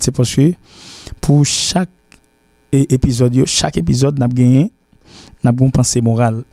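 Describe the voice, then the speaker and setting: Man, English teacher, warm mellow voice, dry close sound, repeats and spells words aloud. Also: mid-range voice, dry recording. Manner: repetitive, spells words letter by letter. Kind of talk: language lesson.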